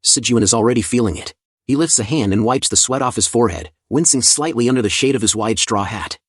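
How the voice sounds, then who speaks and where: A man's voice: mid-range voice, fast talker, husky, no echo, studio quality. A man narrating a comic story recap in a casual, conversational scripted style with chatty asides.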